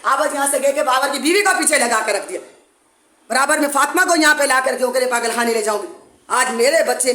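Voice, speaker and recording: A Pakistani mother with a high, sharp voice makes an urgent public appeal to the camera from inside her home. Her impassioned complaint is accusing and full of repeated pleading, and the room echoes around her.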